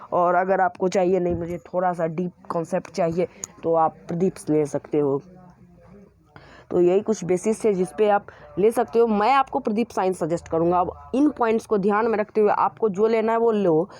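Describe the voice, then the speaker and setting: High-voiced man, repetitive casual talk. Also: darkish tone. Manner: repetitive, keeps qualifying his points; frequent filler hesitations. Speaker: YouTube channel host reviewing school books. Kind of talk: casual spoken book recommendation.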